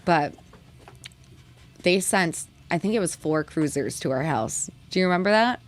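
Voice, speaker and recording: A young woman co-hosting a podcast, telling stories in casual chat, animated and swearing freely. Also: lowish voice, normal speed. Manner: animated storytelling, heavy swearing, frequent laughter. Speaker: podcast co-host.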